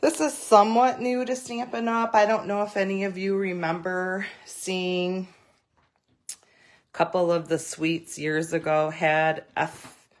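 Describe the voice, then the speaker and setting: A woman's voice: lowish voice, little pitch movement, a little slow. A woman giving a live craft demonstration, chatty and rambling, greeting viewers by name as she goes. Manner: rambling with many fillers and restarts.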